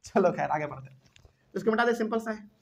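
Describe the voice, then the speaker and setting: A man's voice: sits high, expressive, fast talker, vocal fry, noisy background. A man teaching a chemistry lesson at a whiteboard in Hindi with a Bihari accent, asking the class questions as he explains step by step.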